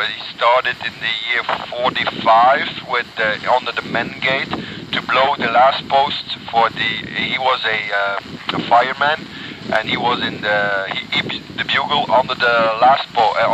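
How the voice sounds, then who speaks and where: Flemish male radio amateur, halting contact chat, heard over a muffled, static-laden radio link. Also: mid-range voice. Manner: halting, restarts often, repeats call signs. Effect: heard over a noisy fading radio link.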